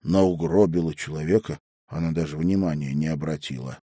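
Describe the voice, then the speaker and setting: A man narrating an audiobook in a measured, dramatic storytelling manner. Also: very deep voice, dark tone, no echo, clean studio sound.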